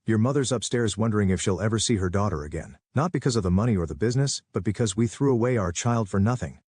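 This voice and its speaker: A man's voice: fairly low pitch, animated, fast talker, a little mellow, slightly rough, dry recording, studio quality. A man voicing a remorseful aging father who speaks firmly. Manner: firm, apologetic.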